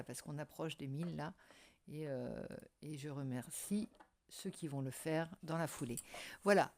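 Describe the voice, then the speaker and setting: A woman's voice: low voice, darkish tone. A woman hosting a casual tarot card reading for viewers, speaking hesitantly as she searches for her words. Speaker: tarot reader and channel host.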